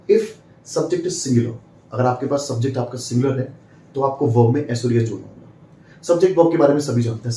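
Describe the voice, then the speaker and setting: A man teaches English at a board in an emphatic, repetitive way, pressing each point on his viewers. His voice is mellow and dark in tone. The room gives it a noticeable echo, with a faint hiss underneath. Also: mid-range voice. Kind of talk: bilingual classroom-style lesson.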